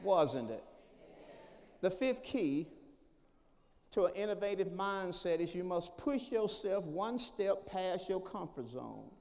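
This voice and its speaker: A man preaching in a with a gravelly, fry-laden tone. His voice sits unusually high, and he swings from quiet, drawn-out lines to hollering calls for a response. The sound carries a long reverb from a big hall. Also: sing-song. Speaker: pastor. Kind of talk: sermon. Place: church sanctuary.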